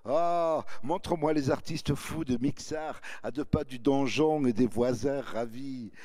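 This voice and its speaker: A man's voice: on the high side, unhurried, close to an everyday voice. A man voicing an eager young woman who gushes and pleads to hear about a sunny southern city, in a breathless, effusive manner. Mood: pleading, effusive.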